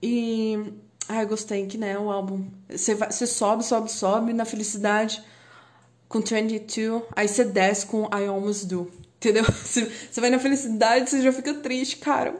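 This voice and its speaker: Brazilian girl rambling about albums, kinda high voice, warm and soft. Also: measured pace. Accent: Brazilian Portuguese. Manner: chatty, excitable, swears and laughs often. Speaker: podcast host. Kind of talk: casual chat about music.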